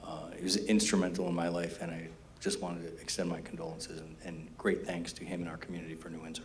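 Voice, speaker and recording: A man, a legislator, giving short personal condolence remarks, halting with many fillers. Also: sits low, little pitch movement, noisy background.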